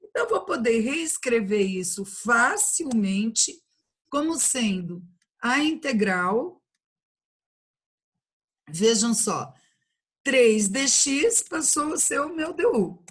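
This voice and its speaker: A woman's voice: on the high side, sing-song, slow, pauses often, slightly rough. A woman with a Brazilian accent teaching an online calculus class, patiently explaining each step and checking in with her students. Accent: Brazilian Portuguese. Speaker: math teacher.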